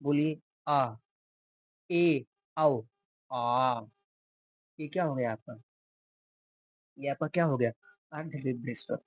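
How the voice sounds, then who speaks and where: A man's voice: medium pitch, slow pace, long pauses. A male teacher giving a grammar lecture, repeating definitions and asking the class questions before answering them himself.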